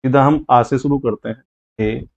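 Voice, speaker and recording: A man's voice: medium pitch, fairly even intonation, unhurried, creaky, dull audio. A male teacher patiently explaining a lesson step by step, often repeating key points.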